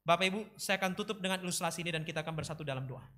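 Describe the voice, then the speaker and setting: A man, a pastor, preaching a sermon and telling a story with lively energy, acting out characters' lines loudly. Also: a little high, racing.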